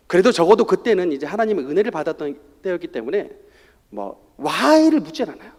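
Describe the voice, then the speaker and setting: A middle-aged male pastor delivers a Sunday sermon and tells his story with animated, swinging intonation. His voice sits high for a man and jumps around a lot. The sanctuary adds a long, hanging reverb. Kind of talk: sermon with personal testimony. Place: church sanctuary. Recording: church hall reverb.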